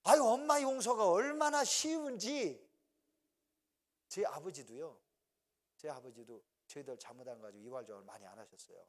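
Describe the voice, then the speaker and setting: A man's voice: sits high, expressive, normal speed. A middle-aged male pastor preaching a sermon, telling family stories with laughter and acting out his parents' voices. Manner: storytelling, acts out parents' voices, laughs often.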